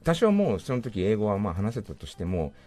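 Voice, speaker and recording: A middle-aged man from Japan, a guest pianist, telling anecdotes on a radio talk show, lively and laughing often. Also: on the low side, brisk. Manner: animated storyteller, laughs often, acts out quoted lines. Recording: radio studio with faint music behind.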